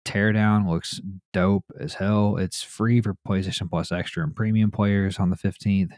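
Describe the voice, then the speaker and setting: A man's voice: on the low side, fairly even intonation, a little slow, darkish tone, dry recording, clean studio sound. A man hosting a gaming news podcast, reading headlines and chatting casually in a laid-back way. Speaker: podcast host.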